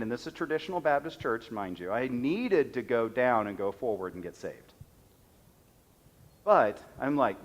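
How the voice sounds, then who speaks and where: A man giving a lively personal testimony to a church class, acting out what people said. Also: medium pitch, lo-fi sound. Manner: animated storytelling, acts out quoted voices. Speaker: pastor. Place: church hall. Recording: long reverb of a church hall.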